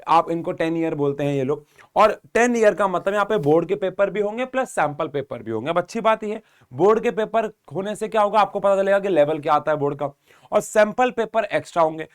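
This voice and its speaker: Man, young, chemistry tutor, higher pitch, step-by-step explaining. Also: smooth. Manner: explains step by step, addresses students directly. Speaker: teacher. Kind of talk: exam-prep chemistry lesson.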